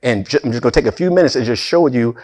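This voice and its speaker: A pastor preaching a sermon in an animated way, with sudden emphatic rises and laughing asides, speaking. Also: male voice, mid-range voice, racing.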